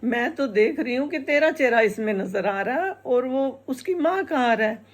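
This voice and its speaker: A woman's voice: sits high, expressive, normal speed. A woman voicing a bossy older mother-in-law who scolds and mocks, inside a spoken folk tale. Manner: scolding, mocking.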